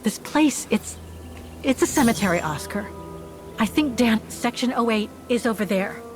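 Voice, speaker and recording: A woman's voice: on the high side, expressive, moderate pace, over music, close to an everyday voice. An actress playing a weary, wry adventurous woman in a naturalistic video game style, often muttering to herself. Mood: tense.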